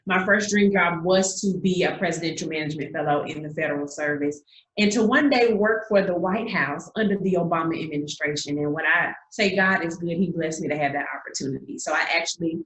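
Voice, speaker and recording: A woman's voice: fairly low pitch, brisk, a bit bright. A woman in her thirties from Georgia with a Southern accent, a guest telling her story in a casual interview. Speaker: guest singer. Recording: echoey room.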